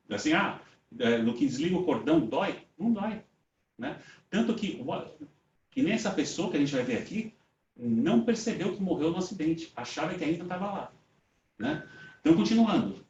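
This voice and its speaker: A man's voice: fairly high pitch, animated, a little fast, long pauses, a little mellow, a little hiss or hum. Brazilian man lecturing in a roomy hall. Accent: Brazilian Portuguese. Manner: casual storytelling, often ends phrases with a tag question; acts out the dialogue he reports. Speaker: lecturer at a Spiritist group. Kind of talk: conversational lecture. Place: meeting room with an audience. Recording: roomy, distant, dull lo-fi sound.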